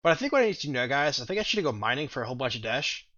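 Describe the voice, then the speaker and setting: A man's voice: medium pitch, sing-song, very fast, sharp tone, lo-fi sound. A man casually commenting on his own gameplay, thinking aloud and rambling, with a groggy morning voice. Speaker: gaming video host. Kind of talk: casual let's-play commentary.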